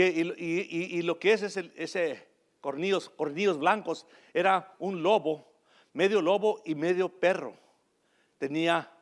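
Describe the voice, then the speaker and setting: A man preaching a sermon and telling a story, often searching for words with hesitations and restarts. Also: fairly high pitch.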